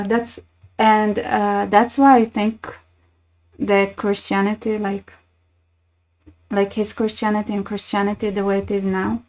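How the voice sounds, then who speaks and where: Flat-toned woman commentator. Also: mid-range voice, low-quality recording. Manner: chatty, wry, many restarts and fillers. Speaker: channel host. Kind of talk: casual commentary reading posts.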